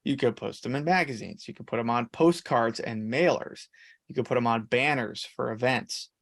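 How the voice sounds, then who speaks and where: A man's voice: medium pitch, normal speed, gravelly. Chatty upbeat man teaching. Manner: chatty, upbeat, many fillers. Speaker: realtor coach. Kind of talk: casual presentation to a call.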